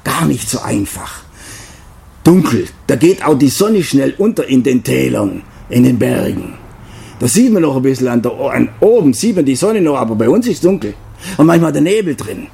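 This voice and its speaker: Gravelly older man preaching earnestly. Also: medium pitch, very animated, mellow, slight background noise. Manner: earnest, with slow emphatic stresses. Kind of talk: devotional talk.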